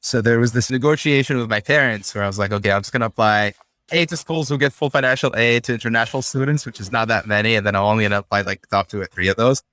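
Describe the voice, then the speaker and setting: A young man from Syria, a podcast guest, talking through ideas in a relaxed, thoughtful way with frequent fillers. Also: medium pitch, quick pace, no room sound. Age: young adult. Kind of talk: casual conversational interview.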